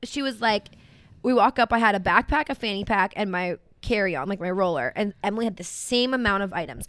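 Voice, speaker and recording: A young woman co-hosting a podcast, telling a story in a brash, profane, animated way. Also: medium pitch, brisk. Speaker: podcast co-host. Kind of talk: casual chat.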